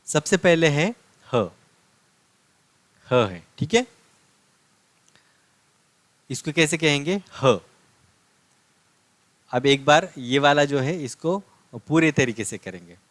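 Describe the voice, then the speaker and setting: A man's voice: a little high, animated, slow, long pauses, fairly bright tone, no room sound. A man teaching a language lesson, drilling letters and syllables one by one and explaining how to pronounce each.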